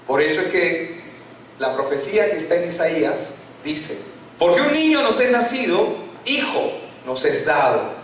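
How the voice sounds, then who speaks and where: A male pastor preaching a sermon, full of rhetorical questions and falling low on key words. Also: animated, unhurried, fairly bright tone, slight background noise. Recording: echoey church hall from far off.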